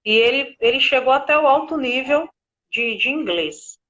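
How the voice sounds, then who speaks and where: Woman from Brazil, casual live chat, tag questions, a bit high-pitched, dull lo-fi audio. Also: normal speed, a bit bright. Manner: chatty, with tag questions and restarts. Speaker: interviewer, beginner English learner.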